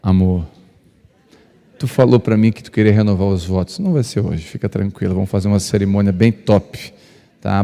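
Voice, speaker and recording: A male pastor, telling stories to couples. He speaks loudly by nature, acts out dialogue and jokes with the crowd. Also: fairly low pitch. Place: church hall. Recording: long reverb of a church hall.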